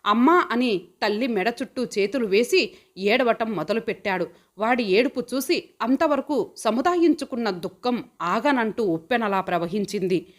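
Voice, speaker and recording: Woman reading a story aloud. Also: a little high. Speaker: audiobook narrator. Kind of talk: audio story narration.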